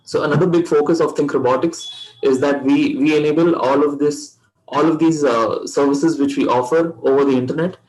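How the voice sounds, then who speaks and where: A man with an Indian accent giving a company presentation, haltingly searching for his words. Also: on the high side, fairly even intonation, darkish tone, rough recording. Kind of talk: slide presentation.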